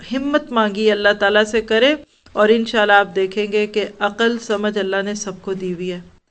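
A woman teaching an Islamic lecture to women, earnest and counseling, reciting Arabic verses slowly between her advice. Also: mid-range voice, fairly even intonation.

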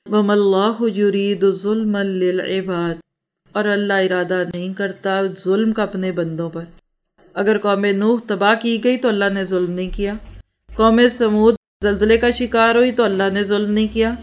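Woman, Quran commentary lecture, earnest, explanatory, slow verse recitation, rhetorical questions, mid pitch. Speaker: Quran teacher.

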